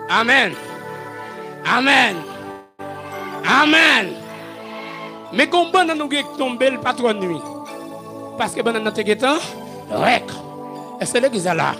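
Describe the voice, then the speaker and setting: A male pastor with a Haitian accent preaching a sermon, shouting and chanting his calls. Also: very high-pitched.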